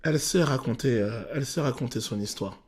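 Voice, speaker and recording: A male vocal coach talks through a song's technique in detail, often pausing on "euh". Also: medium pitch, a crowd in the background. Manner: technical and animated, many "euh" pauses. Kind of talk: explanatory song analysis.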